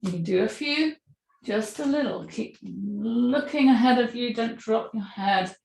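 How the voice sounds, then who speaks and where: A woman yoga instructor guiding a movement class with gentle, encouraging cues. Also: on the high side, measured pace, vocal fry. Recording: echoey room.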